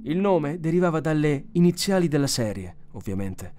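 A man reading a science fiction story aloud as an audiobook narrator, with an expressive delivery. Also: a little high, normal speed, over music. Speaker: audiobook reader. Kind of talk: scripted narration.

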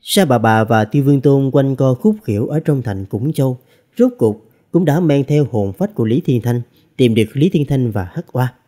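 A man narrating a fantasy novel as an audiobook reader, with expressive storytelling. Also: mid-range voice, moderate pace.

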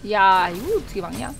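A woman's voice: mid-range voice, gravelly. A woman streaming a game, reacting with yelps, laughs and running commentary as she plays. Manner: animated, yelps and laughs, talks to the screen. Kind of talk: excited gameplay commentary.

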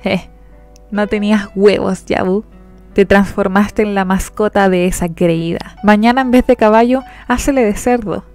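A woman's voice: medium pitch, level tone, a little slow, soft background music, lightly acted. Woman doing a brash teenage fighter boy. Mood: taunting. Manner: taunting, shouting in anger.

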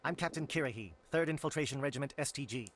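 A man voicing a brisk alien special forces captain in a video game, clipped and matter-of-fact. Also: medium pitch, lightly acted. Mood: urgent, businesslike. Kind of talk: scripted video game dialogue.

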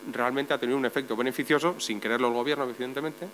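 Speaking rapid-fire in a mid-range, slightly bright voice with fairly even intonation, a panel journalist lays out his argument methodically in a meeting room. He stacks up lists and rhetorical questions, and a faint mains hum runs underneath.

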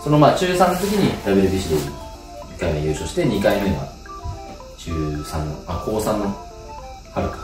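A lowish-voiced young man tells stories from his own life in casual chat, talking quickly and swinging his voice widely. He laughs often and acts out the people he quotes. His voice sounds a little distant and roomy, with faint music playing underneath. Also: big pitch swings. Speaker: channel host telling life stories. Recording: roomy, off-mic with music behind.

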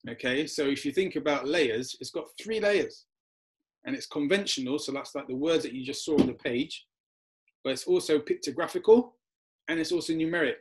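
A man teaching a Bible class from slides, with a mid-pitched, ordinary voice. He talks in a loose, rambling way, restarting sentences often. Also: husky. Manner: chatty, rambling, with frequent restarts and laughs.

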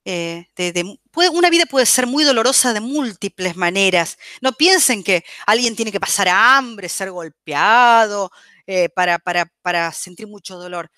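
A woman's voice: medium pitch, expressive, measured pace, no room sound, studio quality. A woman explaining psychology on a radio talk show. She keeps checking in with her listeners and talks in a chatty way, with many fillers and restarts. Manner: checks in constantly with the audience, warm teaching tone.

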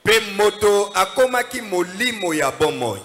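Man chanting scripture, lively pitch. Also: unhurried, faint music behind. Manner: sing-song recitation. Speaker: scripture reader.

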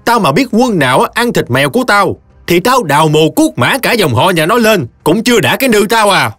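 A man's voice: sits high, very animated, fairly quick, pitched above the performer's own voice, exaggerated voice. A man voicing a foul-mouthed old village woman who screams curses, with a Mekong Delta Vietnamese accent. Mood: screaming curses. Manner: screeching curses, cursing in long rants. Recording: dry close studio voice, soft music behind.

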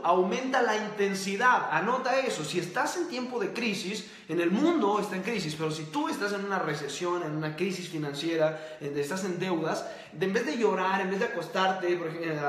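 A man's voice: high-pitched, fairly bright tone, echoey room. A man hosting a motivational talk to camera, speaking emphatically, repeating key phrases and throwing yes-or-no questions at his listeners. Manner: asks the audience quick yes-or-no questions.

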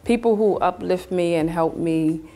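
A woman in her fifties speaking quietly and haltingly in an emotional TV interview. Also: fairly low pitch. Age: 50s.

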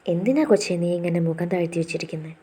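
Woman doing a soft-spoken young husband, low, coaxing tone, storybook read. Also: quick pace, slightly rough. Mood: teasing. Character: caring young husband, gentle and teasing.

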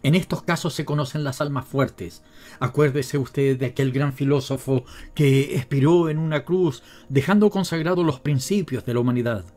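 A man's voice: mid-range voice, moderate pace, darkish tone, lightly acted. A man with a Latin American Spanish accent voicing a pompous cleric offering solemn, choked consolation in an audiobook.

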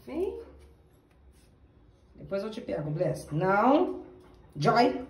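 A woman's voice: medium pitch, big pitch swings, very slow. A woman who owns the dogs, talking to her pets in coaxing baby talk in a casual home video. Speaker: dog owner.

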